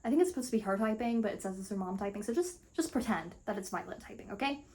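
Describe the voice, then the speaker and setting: A woman's voice: mid-range voice, expressive, fast talker, darkish tone. A woman reading text-chat stories aloud with casual, joking commentary. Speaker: video creator.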